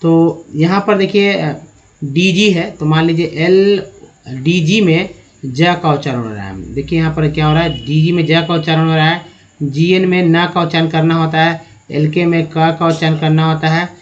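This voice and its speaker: A man teaching an English pronunciation lesson, slowly spelling words letter by letter and addressing viewers as friends. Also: a little high. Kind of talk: spoken language lesson. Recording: dull lo-fi recording.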